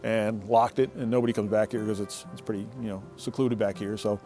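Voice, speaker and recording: A man's voice: lowish voice, fairly even intonation, a little fast, warm tone, soft background music. A middle-aged man telling a casual, rambling story from his shed workshop, often restarting and repeating words. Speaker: motorcycle owner telling a story.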